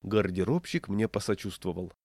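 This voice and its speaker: A man's voice: low voice, animated, normal speed, a little mellow, no room sound. Dry-voiced man reading a comic story. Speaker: narrator.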